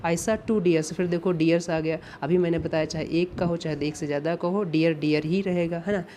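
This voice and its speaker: A man teaching an exam-prep English grammar lesson, explaining patiently, repeating points and often checking in with his students. He reads the English example sentences slowly and deliberately. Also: on the high side, steady tone, dark tone, a little hiss or hum. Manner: patient, repetitive, checks in with "ठीक है" and "है ना".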